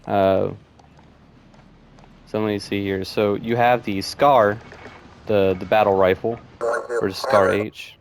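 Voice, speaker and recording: A man's voice: on the low side, fairly even intonation, slow pace, vocal fry, pauses often, crowd noise. A man giving casual, rambling gameplay commentary, thinking aloud with lots of fillers. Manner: rambling, loose, with frequent fillers like "and stuff".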